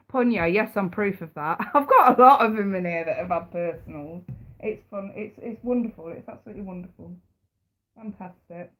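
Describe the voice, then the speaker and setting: Congested with a head cold, a woman gives tarot readings on a live stream, speaking at medium pitch and normal speed in a fairly bright tone. She's chatty, repeats words, and calls her viewers sweetheart and darling.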